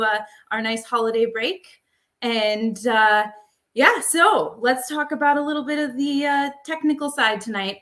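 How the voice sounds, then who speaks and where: A woman hosts a live online show in a casual, upbeat way, with plenty of fillers. Her voice is bright and sits a little high. She talks into a makeshift microphone. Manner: chatty, upbeat, many fillers. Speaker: livestream host. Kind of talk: casual live webinar hosting.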